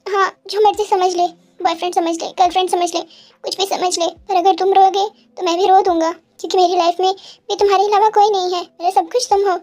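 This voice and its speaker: A woman's voice: extremely high pitch, little pitch movement, fairly quick, darkish tone, faint music behind. A woman voicing a loyal young man consoling his crying best friend in an audio story. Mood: devoted.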